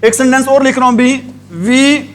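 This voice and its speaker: A man teaching English grammar, asking the same questions again and again and drawing out the words he spells. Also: sits high. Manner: repetitive call-and-response questioning, drawn-out spelled words. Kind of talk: classroom grammar lesson in Hindi.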